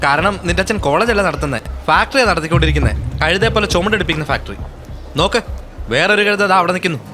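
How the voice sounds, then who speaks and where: A man plays a cheeky young prankster who rattles off his jokes in a high, bouncing voice. His teasing runs quick and animated, and music plays clearly under the film dialogue. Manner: teasing, playful, fast-talking. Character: cheeky young male student, mischievous prankster.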